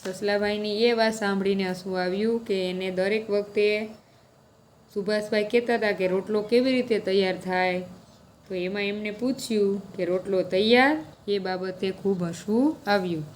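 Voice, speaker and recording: A woman's voice: mid-range voice, steady tone, moderate pace, a little hiss or hum. A woman, reading a children's story aloud and patiently working through the lesson questions step by step. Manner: patient, explains each answer step by step. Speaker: teacher.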